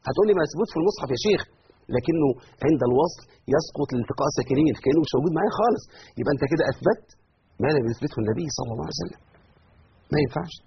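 A man with an Egyptian accent giving a religious lesson on Quran recitation, animated and rising sharply on his examples. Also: fairly high pitch, very fast, gravelly. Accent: Egyptian Arabic. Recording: dull lo-fi recording, faint noise.

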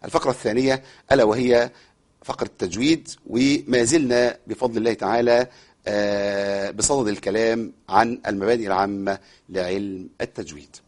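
A man with an Egyptian accent teaching Quran recitation on air. He recites verses slowly, then explains them quickly, and repeats sounds to show how they are said. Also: on the low side, fairly even intonation. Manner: repeats sounds to demonstrate pronunciation. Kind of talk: broadcast recitation lesson with callers.

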